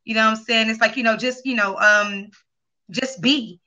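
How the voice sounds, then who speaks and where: A woman's voice: a little high, moderate pace, pushed and bright. A woman co-hosting a talk show, rambling earnestly with lots of filler phrases and close to tears. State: near tears. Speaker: co-host and sex coach. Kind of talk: casual talk show chat. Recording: dull lo-fi sound.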